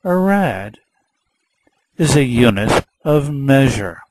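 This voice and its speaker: A male teacher explains math at a very slow, deliberate pace. He repeats key words patiently and builds each point through a small story. Faint background hiss runs under the recording. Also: medium pitch, very animated, creaky, darkish tone, rough recording.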